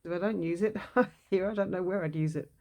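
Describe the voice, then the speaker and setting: Working on a collage for her craft video, a woman chats casually, thinking out loud and changing her mind as she goes. Her voice is lowish and mellow, and she talks briskly, musing and correcting herself mid-task.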